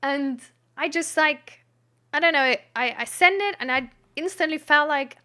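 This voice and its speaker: A woman's voice: high-pitched, measured pace, bright, forceful tone. A young woman streamer telling a personal story in a candid, rambling way, full of "like", restarts and nervous laughs. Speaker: streamer hosting a mental health talk.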